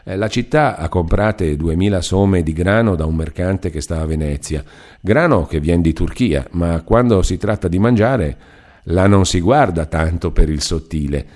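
A rambling, good-natured male cousin, read by a man in an audiobook. The voice sits very low and mellow. He talks on warmly and chattily. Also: lively intonation, normal speed. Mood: chatty. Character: warm-hearted talkative male cousin, a mill foreman. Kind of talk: audiobook character voice.

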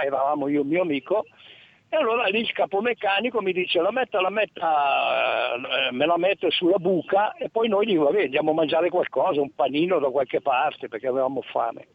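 Caller on a phone line: older man, higher-pitched, halting storyteller, thin dry sound. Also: no echo. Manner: halting, full of restarts, anecdotal. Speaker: radio show caller.

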